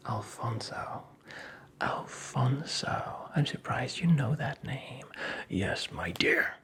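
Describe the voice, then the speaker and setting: In a fairy-tale ASMR roleplay, a performer plays a creepy little male imp who whispers slowly in a sly, taunting, teasing way. The breathy voice is medium-pitched, expressive, and a bit bright, vain and condescending as it draws out its phrases.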